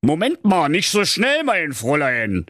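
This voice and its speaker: A man's voice: a little high, wildly swooping pitch, unhurried, pushed and bright, no room sound, clean studio sound, pitched above the performer's own voice, heavily acted. Man doing a pompous officious dad. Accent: Berlin. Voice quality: officious, reads rules aloud. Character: pompous middle-aged father, factory director.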